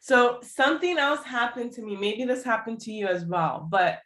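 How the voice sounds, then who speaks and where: A woman's voice: a little high, animated, moderate pace, a bit bright. A woman co-hosting a podcast in casual chat, agreeable and chatty, often answering with short yeahs. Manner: agreeable, chatty, backchannels a lot. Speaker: podcast co-host. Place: room in the United States. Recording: roomy echo.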